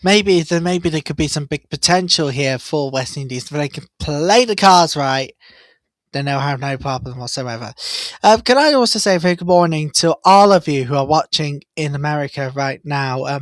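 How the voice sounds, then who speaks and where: A man hosting a live cricket watchalong, chatty and excitable, jumping up in pitch at big moments. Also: no room sound. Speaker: watchalong host.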